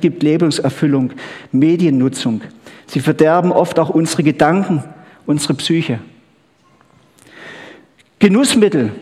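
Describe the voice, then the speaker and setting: A man with a somewhat high, slightly mellow voice preaches a chatty sermon, often checking in with the crowd using "gell?" and "ha?". The recording has a long hall reverb.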